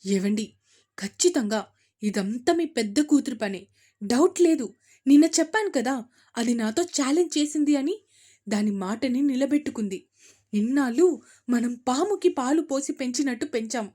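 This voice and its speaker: A woman voicing a scheming, angry middle-aged mother in an audio story, speaking loudly and bitterly. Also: high-pitched, lively intonation, normal speed. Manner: loud and bitter.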